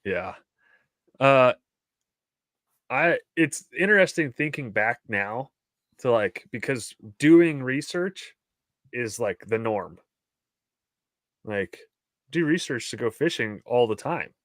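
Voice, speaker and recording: A man co-hosting a fishing show, chatting in a relaxed, agreeable way. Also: medium pitch, slow, long pauses, no echo, clean studio sound. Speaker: podcast co-host. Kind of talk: casual chat.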